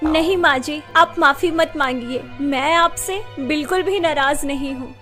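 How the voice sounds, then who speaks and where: A woman's voice: very high voice, a little slow, over music. A woman voicing a young widowed daughter-in-law in a cartoon, who protests with pleading, tearful emotion. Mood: soft. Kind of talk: Hindi cartoon voice acting.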